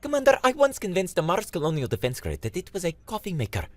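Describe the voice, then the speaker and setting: A man voicing a brash, sleepless young male hacker who talks fast and boastfully in an audiobook story. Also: high voice, huge pitch swings, dry recording, pitched above the performer's own voice, full character voice. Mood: cocky.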